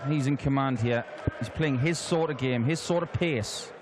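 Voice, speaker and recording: A man's voice: medium pitch, moderate pace, noisy background. A man commentating on darts, chatty and analytical with the odd joke. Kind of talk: sports commentary. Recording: commentary booth with crowd behind.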